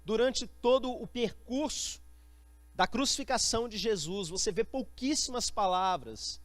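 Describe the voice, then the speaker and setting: High-voiced Brazilian pastor preaching. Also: male voice, expressive, a little slow, fairly bright tone, dry recording. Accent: Brazilian Portuguese. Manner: emphatic, addresses listeners as brothers. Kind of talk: sermon.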